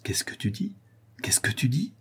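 A man reading aloud and voicing a distraught, pleading working-class father with a husky, raised voice. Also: mid-range voice, lively intonation, moderate pace, mellow, voice pushed up.

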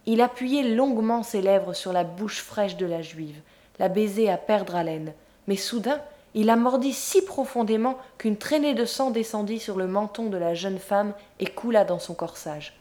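A woman narrating a classic literary story in a measured, expressive reading voice. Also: medium pitch. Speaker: audiobook narrator.

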